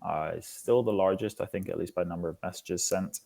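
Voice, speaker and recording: A Singaporean man in his twenties, a foundation lead, explains his work as an interview guest. His voice sits low and is gravelly and warm, with a steady tone and a brisk pace.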